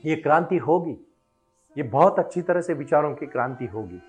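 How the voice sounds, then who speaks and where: A man's voice: on the high side, expressive, normal speed, soft background music. A man giving an emphatic devotional motivational address, building into fervent exhortation. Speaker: motivational spiritual speaker.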